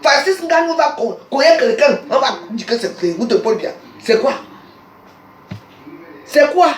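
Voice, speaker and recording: Femme camerounaise en colère, voix résonnante. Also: female voice, high voice, very animated, normal speed. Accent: Cameroonian French. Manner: combative, insulting, repetitive. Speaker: social media personality. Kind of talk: angry live social media rant. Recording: roomy echo.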